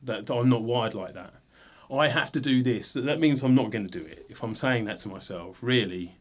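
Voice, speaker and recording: A man's voice: medium pitch, moderate pace. A man in his forties from England, a guitarist telling stories about playing live in a rambling, self-deprecating way, full of "like" and "you know". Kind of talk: relaxed interview storytelling.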